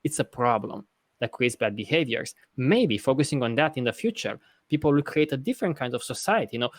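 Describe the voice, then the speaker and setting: A man from Romania, arguing his point earnestly in a casual podcast discussion, often halting to rephrase. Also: medium pitch, expressive, dry recording. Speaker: podcast host.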